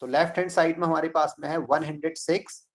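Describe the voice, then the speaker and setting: A man teaching an online math class in a slow, deliberate way, reading out numbers digit by digit. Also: a little high, steady tone.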